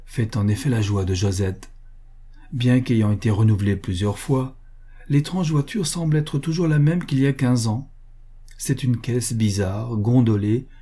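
A man narrating a novel as an audiobook in a measured, even reading. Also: medium pitch, husky.

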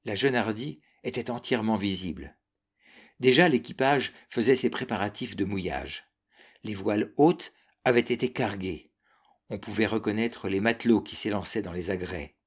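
A man narrating a classic seafaring novel as an audiobook, measured and expressive. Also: lowish voice, breathy edge. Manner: measured, expressive reading that darkens and softens in sad passages.

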